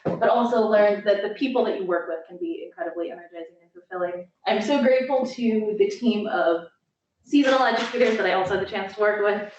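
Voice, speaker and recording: A woman's voice: medium pitch, brisk, darkish tone, a little hiss or hum. A young woman student presenting her internship slides with enthusiasm. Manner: enthusiastic, gets emotional and choked up near the end. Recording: echoey, distant, dull lo-fi sound.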